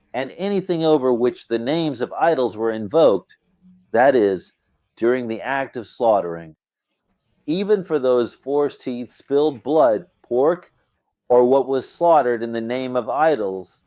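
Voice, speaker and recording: A man's voice: mid-range voice, a little mellow, no room sound. A man reading and explaining scripture verses, asking rhetorical questions and answering them himself. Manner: explanatory, asks and answers his own questions. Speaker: Quran commentary teacher.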